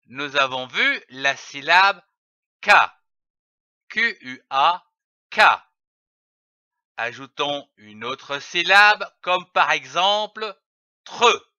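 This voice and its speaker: Slow, deliberate man teaching children to read. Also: fairly high pitch, animated, pushed and bright, clear, resonant tone, no room sound, highs cut off. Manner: deliberate, spells out letters one by one. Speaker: reading teacher. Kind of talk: slow instructional reading lesson for young children.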